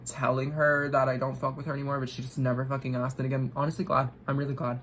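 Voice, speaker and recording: A young man tells a storytime at home while he gets ready, rambling along in slang and swearing bluntly. He talks fast but keeps his pitch level and flat. A faint hum sits under the phone recording. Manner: rambling, slangy, fillers of "like" throughout; blunt and cussing. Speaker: vlogger.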